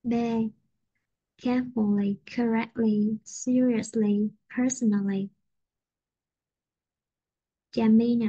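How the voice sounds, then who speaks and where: Slow, husky-voiced woman teacher. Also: fairly high pitch, steady tone, mellow, highs cut off. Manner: slow, drawn-out word-by-word dictation. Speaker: English teacher. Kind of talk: online class teaching pronunciation.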